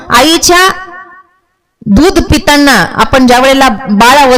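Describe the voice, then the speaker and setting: A woman's voice: high voice, a bit bright, low-quality recording. A woman kirtan preacher delivering a devotional sermon, telling stories and putting questions straight to her listeners. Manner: questions the audience directly, storytelling.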